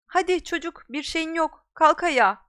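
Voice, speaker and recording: A woman's voice: extremely high pitch, normal speed, no echo, clean studio sound, voice pushed up. A woman voicing a strict female flying teacher who barks clipped commands at her pupils. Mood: commanding. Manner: barking commands, loud and clipped.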